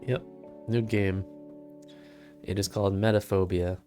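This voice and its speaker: A man's voice: fairly low pitch, flat delivery, a little slow, dark tone, soft background music. A man co-hosting a live game stream, talking easygoing and dry while he sets up the game capture. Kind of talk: casual chat.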